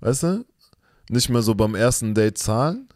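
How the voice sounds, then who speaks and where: A young man co-hosting a podcast in a relaxed, rambling way, mixing English slang into his German. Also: mid-range voice, moderate pace, no room sound, clean studio sound. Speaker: podcast co-host. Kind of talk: casual chat.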